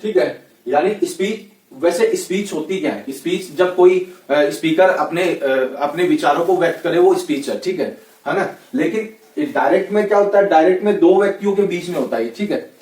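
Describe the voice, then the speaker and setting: His voice is fairly high, a little mellow, at a moderate pace. He's teaching English grammar in a relaxed classroom lecture with a Rajasthani Hindi accent, chatty and constantly asking "okay, right?" via "ठीक है, है ना". The room echoes and he sits a bit far from the mic.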